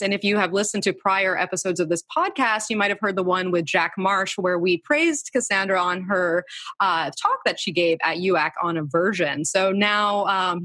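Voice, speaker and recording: A woman's voice: mid-range voice, sharp tone, dry recording. A woman hosting a podcast interview in a casual, effusive, meandering way. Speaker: podcast host.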